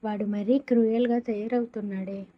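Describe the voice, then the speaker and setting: A woman's voice: fairly high pitch, fairly even intonation, normal speed, close to an everyday voice. A woman narrator voicing a blunt older brother who sounds exasperated. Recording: dull lo-fi sound.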